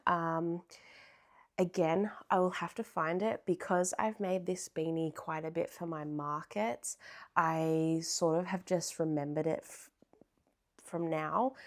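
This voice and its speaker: Gravelly-voiced Australian woman chatting casually. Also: sits low. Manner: chatty, rambling, many ums and restarts. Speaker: crochet vlogger. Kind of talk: casual show-and-tell chat.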